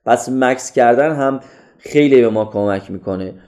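A man teaching an online course on public speaking in a lively, instructive way, sometimes showing loud, soft and paused delivery. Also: mid-range voice.

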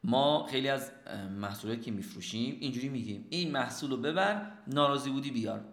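A man gives a sales lesson in a lively teaching manner. He keeps posing questions and answering them himself. His voice sits at a middle pitch and rings in an echoey room. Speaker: sales trainer. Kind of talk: instructional talk.

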